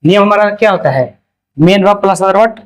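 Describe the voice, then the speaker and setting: A man with a Hindi accent explains grammar in a casual classroom style. He asks questions and answers them himself, and says the English examples slowly and carefully. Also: high voice, rough recording.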